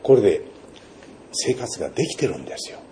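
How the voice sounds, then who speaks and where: A man's voice: lowish voice, very animated, brisk, dark tone, a little hiss or hum. A man, a pastor, giving a sermon in a storytelling manner, with rhetorical questions and vivid sound words.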